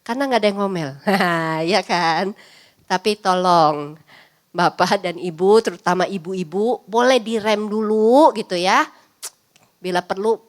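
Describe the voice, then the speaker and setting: A woman psychologist giving a parenting class in a chatty, teasing way, often acting out lines of parents and children. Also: mid-range voice. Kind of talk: parenting seminar talk.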